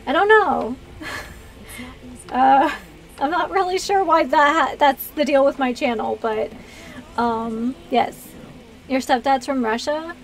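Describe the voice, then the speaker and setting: In casual livestream chat, an American-accented woman from Pennsylvania who streams and hosts video games meanders and hesitates while thinking aloud. Her high-pitched voice moves at a slow pace with long pauses. The audio is poor.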